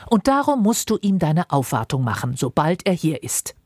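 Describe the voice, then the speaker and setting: A woman reading aloud and voicing a fussy, excitable middle-aged mother who is desperate to marry off her daughters, speaking in a shrill, insistent, gushing way. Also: normal speed, dry recording, studio quality. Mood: eager, insistent. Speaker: reader. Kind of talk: dramatized audiobook reading.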